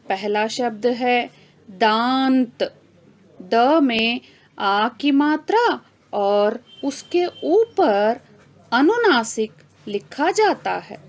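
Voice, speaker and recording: Slow, deliberate woman teaching children. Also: fairly high pitch. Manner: slow, deliberate, drawing out each example word and repeating it; asks the class questions and answers them herself. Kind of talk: online Hindi grammar lesson for children.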